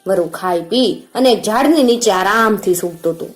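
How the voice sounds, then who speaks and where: Woman storyteller, storybook narration, calm and expressive, mid-pitched voice, faint music underneath. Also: normal speed.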